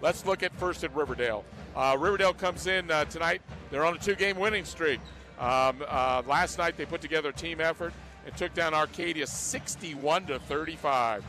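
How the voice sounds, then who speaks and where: A man's voice: fairly high pitch, moderate pace, sharp tone, faint music behind. An American man giving live pre-game basketball commentary as a play-by-play announcer.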